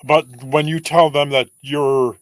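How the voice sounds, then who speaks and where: A man's voice: a little high, little pitch movement, no room sound. A man hosting a casual live chat, mostly giving brief agreeing remarks. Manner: brief agreeing interjections, unhurried.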